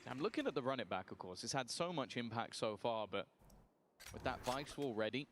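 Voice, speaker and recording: A man works as an esports caster, calling and analysing live play in a mid-pitched voice. Clear noise and clicking sit behind him. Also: expressive, fairly quick. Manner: esports caster delivery following the action.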